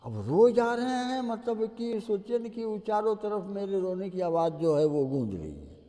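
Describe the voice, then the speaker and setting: A man slowly and expressively recounting a deeply emotional personal story. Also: long reverb tail. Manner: slow, expressive, heartfelt, with vivid gestures. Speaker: devotee telling a personal story.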